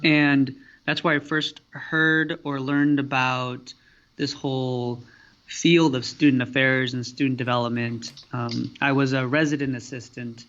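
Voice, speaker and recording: A man from the Seattle area, a guest on a podcast, recounting his career path in an even way with hesitant fillers. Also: mid-range voice, measured pace, dull audio. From Seattle area, USA. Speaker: podcast guest, student affairs professional. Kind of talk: interview answers.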